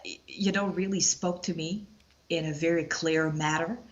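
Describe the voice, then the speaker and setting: Low-voiced woman with a Quebec French accent. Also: fairly even intonation, moderate pace, highs cut off. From Quebec, Canada. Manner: hesitant, searching for words. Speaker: podcast guest. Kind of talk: casual interview chat.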